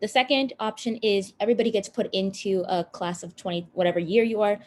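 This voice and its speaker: A woman's voice: mid-range voice, steady tone, brisk, a little mellow. A young woman with a mid-range voice explains things step by step in a casual, friendly way. A faint hum of ambient noise sits behind her on the video call. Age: young adult. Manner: explanatory, frequent "like". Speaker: student panelist. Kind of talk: casual panel talk.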